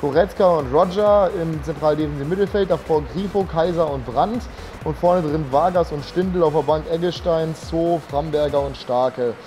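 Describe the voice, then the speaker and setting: Faint music sits behind a young man's slightly high, mellow voice, delivered at normal speed. He is a young adult vlogger with a slight cold, chatting casually and upbeat to the camera in slangy style. The recording comes from a phone or camera at arm's length on residential streets outdoors and in a living room indoors.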